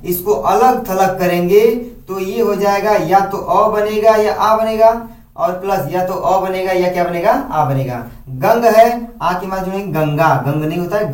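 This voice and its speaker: Guy teaching grammar, highish voice, keeps asking "clear?" and answering himself, far from mic, roomy echo. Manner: repetitive, asks students questions and answers himself. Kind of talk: Hindi grammar lesson. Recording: echoey room, voice from a distance.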